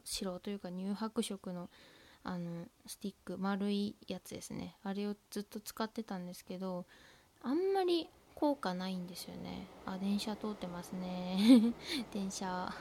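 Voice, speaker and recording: A woman with a Tohoku accent chats on her own podcast in a soft, meandering way, full of fillers and little whispered asides. Her voice sits in an ordinary middle pitch. She records at home through a laptop's built-in mic. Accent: Tohoku Japanese. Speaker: podcast host. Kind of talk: casual solo radio chat. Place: at home by an open window.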